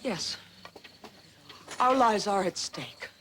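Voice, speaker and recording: A woman's voice: mid-range voice, animated, drawn-out words, fairly bright tone, a little hiss or hum. An actress playing a stern, commanding pioneer mother who pleads firmly and formally, heard from a worn tape copy. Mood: urgent. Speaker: frontier mother.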